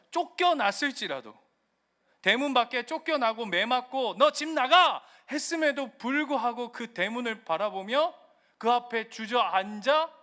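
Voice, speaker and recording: A middle-aged male pastor preaching a sermon, acting out comic little scenes of children and parents as he goes. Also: very high voice. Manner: animated, acts out comic quotes of children and parents.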